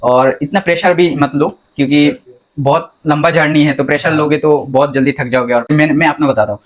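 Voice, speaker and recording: A man's voice: on the high side, fairly even intonation, brisk. Young man casually interviewing medical students. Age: young adult. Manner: friendly, laughs often, mixes English phrases.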